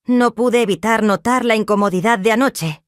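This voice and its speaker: A woman's voice: fairly high pitch, moderate pace, dry recording, clean studio sound, voice pushed up, close to an everyday voice. A woman reading a sly, meddling woman. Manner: falsely sweet, insinuating. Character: sly, prying woman feigning concern.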